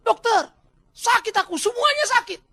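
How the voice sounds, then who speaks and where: A man voicing a stubborn know-it-all male patient who shouts and whines about his pains. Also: expressive, normal speed, full character voice. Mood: whining, indignant. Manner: shrill, shouting complaints.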